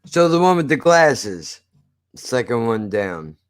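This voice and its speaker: An American man rambles casually to his live-stream audience in a mid-pitched voice. His speech is slightly slurred and lisping, like someone missing teeth or wearing loose dentures. He is blunt, sweary and self-deprecating. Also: sing-song, slow pace.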